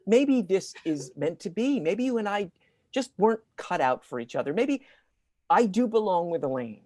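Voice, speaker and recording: A woman's voice: mid-range voice, big pitch swings, moderate pace, dark tone, dry recording, studio quality. A woman playing a bumbling, henpecked husband who stammers and sounds exasperated during an improvised comedy scene.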